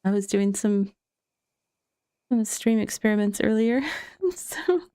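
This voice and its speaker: A woman's voice: medium pitch, little pitch movement, measured pace, mellow, clear, resonant tone, no echo, studio quality. A woman streaming a game from home, chatting casually to viewers with frequent laughs and loose fillers. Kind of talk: casual live-stream chat. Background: faint chill background music.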